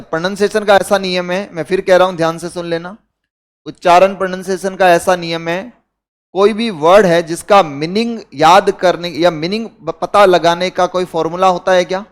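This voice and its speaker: An Indian man teaching a class, explaining rules and firing rhetorical questions at his students. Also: sits high. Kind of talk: classroom lecture.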